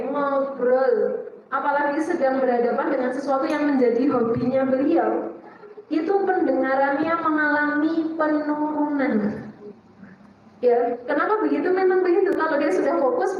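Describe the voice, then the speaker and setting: A woman giving a religious study talk to women, Indonesian with a Javanese tinge, lively and playful, asking questions and answering them herself. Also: high-pitched, moderate pace, a little hiss or hum. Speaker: Islamic teacher and psychologist. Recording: echoey hall, distant dull mic.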